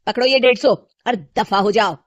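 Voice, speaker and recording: Woman doing a shrill, arrogant young housewife. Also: normal speed, no echo, lo-fi sound, close to an everyday voice. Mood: scolding. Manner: shrill, scolding and sharp-tongued.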